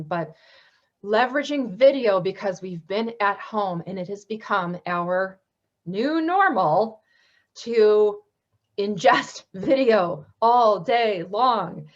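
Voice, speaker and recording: A woman's voice: mid-range voice, dull audio. A woman giving a webinar presentation on marketing, talking in an enthusiastic, conversational teaching manner. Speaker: marketing speaker.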